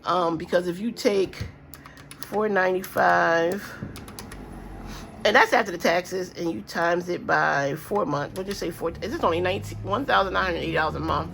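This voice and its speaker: With a stuffy nose, a budgeting vlogger chats to the camera about her money, rambling through fillers and calling viewers "guys" and "y'all." Her voice sits fairly low and sounds gravelly and a bit bright. A little hiss or hum is audible.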